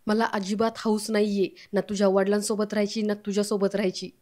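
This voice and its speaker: A woman reading the lines of a sharp-tongued young woman, delivered in a mellow, flat narrating voice. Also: mid-range voice, fairly quick, close to an everyday voice. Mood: scornful.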